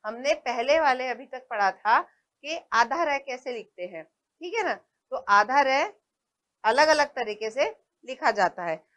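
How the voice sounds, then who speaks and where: A woman teacher giving a patient lesson to young children, saying each word slowly and often stopping to check with them. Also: sits high, expressive, fairly bright tone. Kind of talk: slow primary-school lesson.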